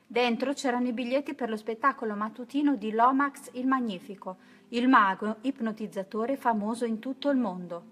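Female storybook narrator, slightly high voice, clear and expressive. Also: moderate pace. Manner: expressive, even-paced storytelling. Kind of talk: children's story read-aloud.

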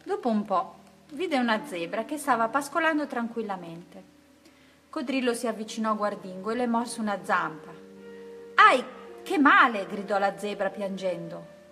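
A woman reads a children's picture book aloud at a mid pitch, gentle and rhythmic, leaning into its rhymes. Soft music runs faintly underneath. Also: normal speed. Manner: gentle, rhythmic, rhyming delivery. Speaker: storyteller.

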